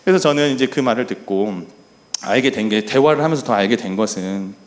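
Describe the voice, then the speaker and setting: A middle-aged man preaching as a pastor, telling a personal story in an earnest way and softly acting out quoted lines. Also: mid-range voice, a little fast. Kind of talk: sermon.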